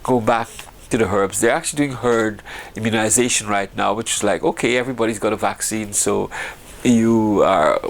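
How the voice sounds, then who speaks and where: A man's voice: fairly low pitch, normal speed, vocal fry, a little hiss or hum. A man from Guyana chatting casually and ramblingly about his home remedies, with frequent restarts and laughs. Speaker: vlogger.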